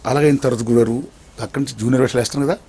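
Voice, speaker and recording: As an interview guest, an older man tells his life story animatedly, swinging from loud excitement to hushed tones. He talks very fast in a husky, medium-pitched voice.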